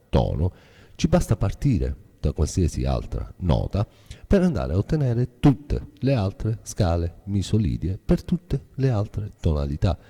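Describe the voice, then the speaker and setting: A man's voice: extremely low pitch, warm tone, breathy edge, long reverb tail. A man teaching music theory as a guitar teacher, explaining step by step in a patient, methodical way.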